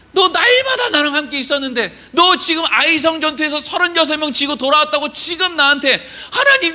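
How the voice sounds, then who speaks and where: A man's voice: very high voice, pushed and bright, voice pushed up, heavily acted. God as a fond, exasperated father , as a preacher puts him on. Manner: coaxing, reproachful questions.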